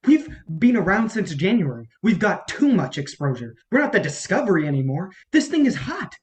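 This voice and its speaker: Here an actor at a staged reading voices a jaded movie campaign strategist pushed past breaking point. Speech is quick and natural yet extremely animated, its pitch sweeping high and low, while the tone stays foul-mouthed, mocking and fed up, agitated and full of despair.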